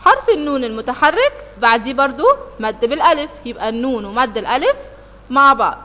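High, bright Egyptian woman teacher. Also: sing-song, big-room sound. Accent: Egyptian Arabic. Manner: asks questions then answers them herself, step by step; recites verses in a slow, drawn-out way. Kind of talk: exam review lesson for children.

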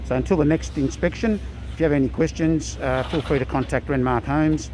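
Australian builder, higher voice, halting. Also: male voice, dark tone, a little hiss or hum. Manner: plain-spoken, many ums and uhs, halting restarts. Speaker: builder giving a site tour. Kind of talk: casual walkthrough explanation. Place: outdoor construction site. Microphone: handheld phone camera.

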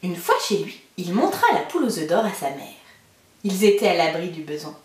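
A woman teacher reading a storybook aloud to children with lively, expressive narration. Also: on the low side, fairly quick, slight background noise. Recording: roomy, mic far off.

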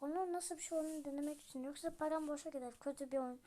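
High-voiced woman excitedly narrating a game. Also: very fast. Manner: excitable, yells at the plays and jokes with viewers. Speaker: gaming channel host. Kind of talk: casual gameplay commentary.

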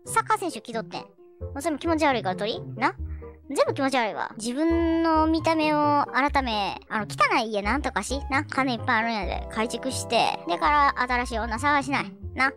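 Lively high Kansai woman playing games. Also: a little fast. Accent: Kansai Japanese. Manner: chatty, teasing, talks to the characters. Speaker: game streamer. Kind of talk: game commentary. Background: loud game music.

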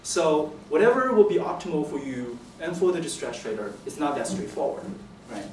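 A young man presents academic work in a hesitant, stop-and-start way, often repeating words. His voice is mid-pitched and picked up from a distance in an echoey seminar room, with faint noise. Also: big pitch swings, normal speed, darkish tone. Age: young adult. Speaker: PhD candidate presenting. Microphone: distant camera microphone.

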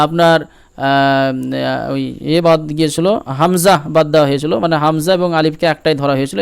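A man teaching Quran letter reading in a step-by-step lesson with a Bengali accent, patient and repeating each word slowly while checking that listeners follow. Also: high voice, clean tone.

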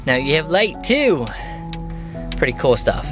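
A man's voice: on the high side, very animated, unhurried. Man, forties, travel vlogger, easygoing and rambling, phone held at arm's length, background music. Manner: easygoing, rambling with many uhs. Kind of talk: casual travel vlog. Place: outdoors at rest stop and inside truck camper shell. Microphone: handheld phone camera at arm's length.

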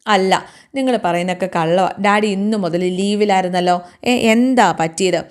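A woman's voice: medium pitch, normal speed, smooth, close to an everyday voice. A woman voicing an upset little girl who keeps pleading to be told the truth, in a storytelling retelling. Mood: insistent. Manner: pleading, insistent questions.

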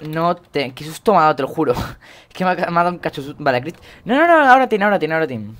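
A young man from Spain with a Spain Spanish accent, jokey and excitable, commentating his gameplay and repeating words in quick bursts. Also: on the high side. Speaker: gaming YouTuber.

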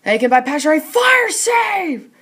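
High-pitched, frantic mock sports commentator. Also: normal speed. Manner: excitable, shouts on scores and saves, short clipped bursts. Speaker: play-by-play commentator.

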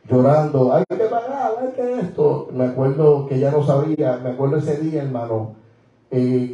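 A man's voice: mid-range voice, mellow. Fervent man giving church testimony. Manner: fervent, peppers speech with amén and gloria al Señor. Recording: echoey, from far off the mic.

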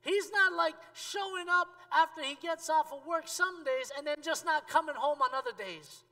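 Animated, bright-voiced male pastor. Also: very high-pitched, moderate pace. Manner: animated, rising to emphatic peaks and dropping to quiet asides; conversational, addresses the congregation directly. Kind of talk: sermon. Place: church stage with a seated audience. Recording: long reverb of a church hall.

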